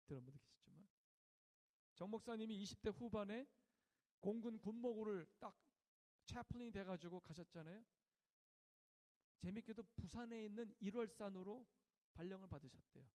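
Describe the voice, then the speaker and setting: A male pastor with a strikingly high voice delivers an animated sermon. He questions the congregation, has them repeat lines, and acts out fervent prayers with a lifted voice. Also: big-room sound. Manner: animated preaching, acting out prayers with raised voice and slowing down.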